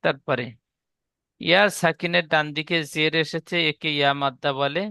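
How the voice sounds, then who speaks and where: A man with a Bengali accent teaching Quran reading in a slow lesson, explaining each rule step by step and having students repeat it aloud. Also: a little high, steady tone, creaky, pushed and bright, clear, resonant tone, no echo, studio quality. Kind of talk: slow recitation lesson with repetition.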